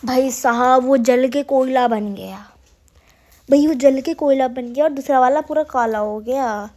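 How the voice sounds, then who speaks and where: Speaking unhurriedly in a high, slightly mellow voice, this young woman from the Uttarakhand hills of India chats through a voice-over about her day with family. She has a sore throat, pokes fun at herself, and addresses viewers as "guys."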